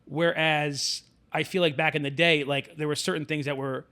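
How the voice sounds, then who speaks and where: A man's voice: a little high, normal speed, smooth. A man hosting a podcast, talking casually and loosely with a lot of fillers and restarts. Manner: relaxed, chatty, many fillers and restarts. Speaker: podcast host. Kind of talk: casual conversation.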